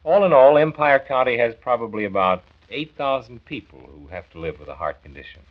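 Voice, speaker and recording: A brisk, expressive mid-range voice with a natural quality belongs to an actor portraying a caring county health doctor in a 1940s radio play. Worried but comforting, he explains and persuades, and the old recording is muffled.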